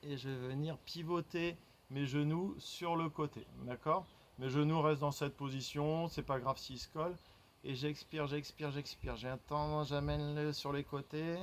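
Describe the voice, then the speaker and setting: A man's voice: on the high side, steady tone, moderate pace, a little hiss or hum, rough recording. A man leading a floor exercise class, guiding breathing and repeating cues rhythmically as he counts. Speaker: fitness instructor. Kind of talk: guided workout instruction.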